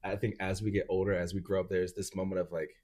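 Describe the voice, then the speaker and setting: A man's voice: low-pitched, little pitch movement, fast, darkish tone. A man hosting a podcast interview in a casual, upbeat way, laughing often and talking with loose fillers. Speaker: podcast host. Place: indoor healing practice room.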